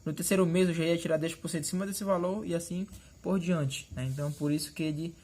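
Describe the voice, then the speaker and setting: A male math teacher explains each step of a lesson, pointing at the board and asking quick check-in questions. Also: fairly high pitch, steady tone, darkish tone.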